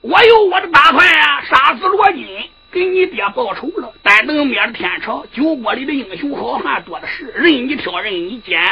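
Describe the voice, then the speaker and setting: A woman's voice: high-pitched, expressive, moderate pace, few pauses, sharp tone, soft background music, pitched above the performer's own voice, exaggerated voice. A woman storyteller voicing a furious, hot-tempered old male marshal, bellowing in sung recitation. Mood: scheming. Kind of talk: Henan zhuizi sung storytelling.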